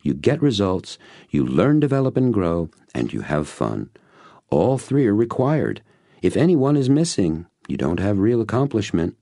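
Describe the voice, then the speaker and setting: A man's voice: on the low side, sing-song, moderate pace, mellow, no room sound, clean studio sound, voice pushed up. A man voicing an earnest, emphatic male mentor in network marketing.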